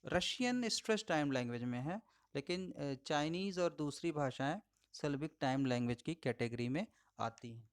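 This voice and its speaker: A man giving a recorded audio lecture, explaining patiently, addressing listeners as friends and slowing down to model words. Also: fairly high pitch, expressive. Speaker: English teacher.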